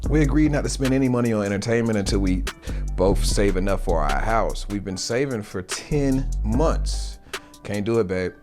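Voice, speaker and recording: A man's voice: lowish voice, expressive, moderate pace, over music, lightly acted. A man voicing a young man who firmly refuses his fiancée, reading his text messages in a lecturing tone. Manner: firm, lecturing.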